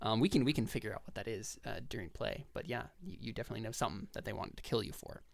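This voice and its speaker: A man's voice: fairly low pitch, rapid-fire, gravelly, no echo. A man running a tabletop game as game master, narrating and explaining step by step in a casual, conversational way.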